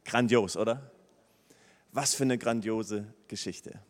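A man preaching a sermon, retelling a Bible story with lively, acted-out dialogue. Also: on the low side, slow pace. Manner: lively storytelling preacher, acts out the characters' lines. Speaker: pastor. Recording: long reverb of a hall.

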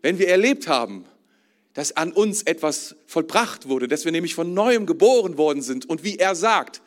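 Lively high-voiced male preacher. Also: moderate pace. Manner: lively, enthusiastic, colloquial, repeats words. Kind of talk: casual sermon.

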